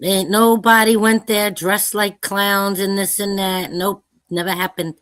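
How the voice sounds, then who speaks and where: A woman's voice: medium pitch, little pitch movement, unhurried, fairly bright tone, no echo, clean studio sound. A woman from New York with a Brooklyn accent, talking casually in a live discussion. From Brooklyn and Long Island, New York.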